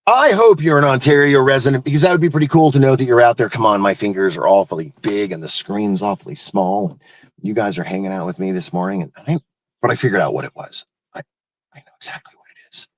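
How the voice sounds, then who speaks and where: A man's voice: mid-range voice, sing-song, fast, dry recording. A man hosting a live morning show in a casual, folksy, rambling way, wandering from one thought to the next.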